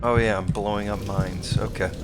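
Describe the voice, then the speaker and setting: A man with a lowish voice talks casually through his gameplay, swearing freely. He sounds tipsy from drinking, and loud game music runs behind him. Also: fairly even intonation, moderate pace. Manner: foul-mouthed, swearing freely. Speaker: gamer doing a drinking challenge playthrough.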